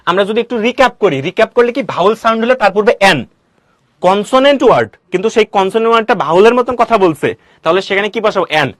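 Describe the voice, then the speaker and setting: A male teacher giving a classroom grammar lecture, quizzing students with quick questions and answering them himself. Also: sits high, lively intonation, fairly bright tone, no echo, studio quality.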